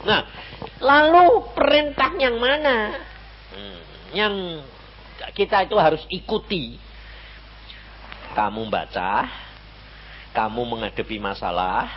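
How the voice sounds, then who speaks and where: A man's voice: mid-range voice, highs cut off, a little hiss or hum. An older man with a Javanese accent preaching a sermon in a conversational way, full of rhetorical questions. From Central Java, Indonesia.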